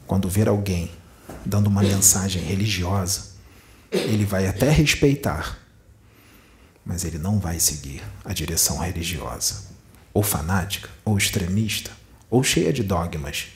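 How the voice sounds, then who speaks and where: A deep-voiced Brazilian medium with a Rio de Janeiro Portuguese accent channels a spiritual teaching, preaching with emphasis and many rhetorical questions. He is animated yet a little slow, leaving long pauses, and there is a bit of hiss or hum.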